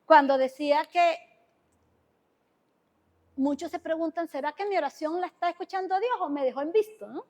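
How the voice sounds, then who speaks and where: A woman's voice: high voice, darkish tone. A woman with a Venezuelan Spanish accent preaching a sermon to her congregation, talking conversationally and asking them questions. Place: church hall. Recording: long church hall reverb.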